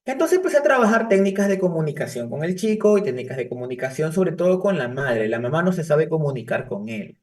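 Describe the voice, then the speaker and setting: A man's voice: on the high side, very animated, fast talker, hardly any pauses, a little mellow. A man teaching a psychology class, explaining in a conversational lecture style and illustrating with stories from his cases. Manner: conversational, tells case anecdotes with restarts. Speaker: psychology professor. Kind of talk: university lecture. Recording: distant mic.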